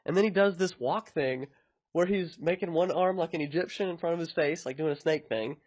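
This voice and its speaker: A man's voice: on the high side, fairly quick, no room sound, poor audio. Man chatting casually, dry close recording. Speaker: podcast host and indie game developer. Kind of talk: casual podcast chat.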